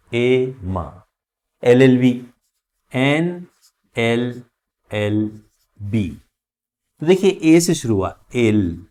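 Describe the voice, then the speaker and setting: A man teaching an English grammar lesson, slowly drawing out each example word as he explains it. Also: on the low side, warm tone. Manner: slow, drawn-out spelling of example words.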